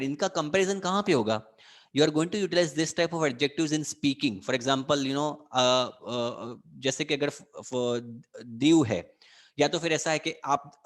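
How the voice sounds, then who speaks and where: A man with an Indian English accent giving an online lecture, mixing Hindi and English and drilling students on words. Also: medium pitch. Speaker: English teacher.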